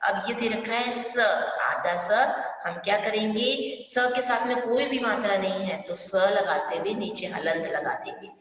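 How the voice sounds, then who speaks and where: A woman's voice: medium pitch, measured pace, hardly any pauses, a bit bright, distant mic. A woman teacher leads a primary school language lesson, patiently working through each point and asking questions along the way. She sounds set back from the microphone in a very echoey room with a long tail of reverb, and the sound is somewhat dull. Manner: patient, explains step by step with frequent questions to pupils. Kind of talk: online class lesson.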